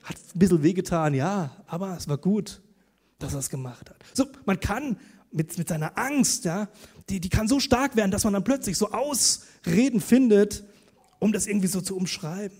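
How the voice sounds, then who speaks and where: A man's voice: high voice, expressive, moderate pace, a little mellow, breathy edge. A man preaching a sermon in a conversational, storytelling way, often adding tag questions.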